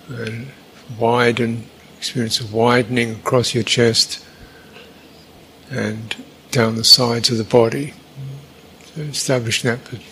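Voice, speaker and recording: Leading a guided meditation, a male meditation teacher moves at a very slow pace in an even, flat, medium-pitched voice. Each short, halting instruction is followed by a long gap, and a little background noise can be heard.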